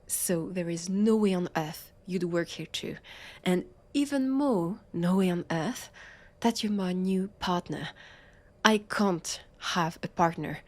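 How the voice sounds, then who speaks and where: In a scripted audio roleplay, a woman with a French accent and a voice on the low side plays a brusque, sarcastic vampire detective. Her delivery is halting and flustered.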